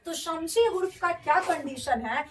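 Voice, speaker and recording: Woman teacher going over grammar slowly, repeats stuff, asks herself questions, sounds far off in a roomy space. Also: very high voice, slight background noise. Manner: explains patiently, repeats terms, asks and answers her own questions. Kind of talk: classroom-style grammar lesson.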